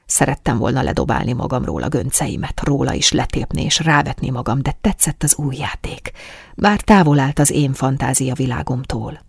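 A woman reading a first-person story aloud as an audiobook, in a calm, soft, intimate manner. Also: a bass voice, creaky, slightly rough, no echo, clean studio sound. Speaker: audiobook narrator. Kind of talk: first-person scripted narration of an erotic story.

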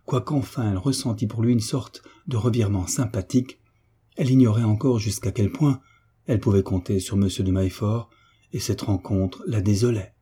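A man narrating a classic novel as an audiobook, measured and literary. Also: lowish voice, warm tone, husky. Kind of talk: audiobook reading.

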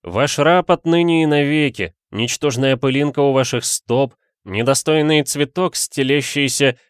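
Man reading as a florid, fawning detective, mid-pitched, close and dry. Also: measured pace, smooth, dry recording, close to an everyday voice. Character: fawning flowery male police detective, shameless gallant. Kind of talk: audiobook character voice.

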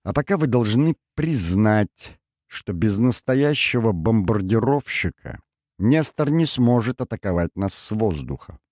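A man putting on a lively, self-assured king. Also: on the low side, a little slow, no room sound, clean studio sound, voice pushed up. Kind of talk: audiobook character voice.

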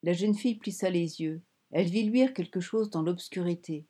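A woman reading a novel aloud in measured, vivid scripted narration. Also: fairly low pitch, mellow. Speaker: audiobook narrator.

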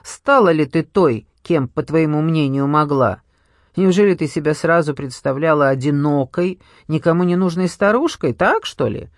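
A man's voice: on the high side, normal speed, dry recording, studio quality, close to an everyday voice. A man voicing a cruel, mocking ex-husband who taunts in a sneering way.

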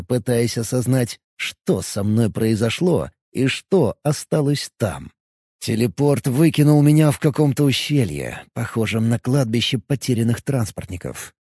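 A man narrating a first-person audiobook in an expressive, lively way. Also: medium pitch, slightly rough, dry recording, studio quality.

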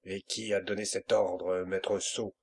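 A fierce pirate captain barks orders and threats in a low, husky voice, as a man reads him out in an audiobook. His lines come brusque and commanding, full of bluster. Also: level tone, slow pace, heavily acted. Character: fierce hot-tempered male pirate captain. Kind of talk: audiobook character reading.

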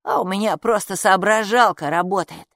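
A woman's voice: medium pitch, normal speed, a bit bright, dry recording, clean studio sound, lightly acted. A woman reading aloud, voicing a matter-of-fact, know-it-all young boy in a children's audiobook. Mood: confident. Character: clever, cocky young boy, the brother.

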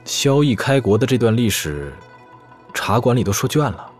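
An actor playing a calm, dry young swordsman in an audio drama, speaking politely and matter-of-factly. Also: medium pitch, normal speed, soft background music, natural voice. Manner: restrained, matter-of-fact, polite. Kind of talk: audio drama character acting.

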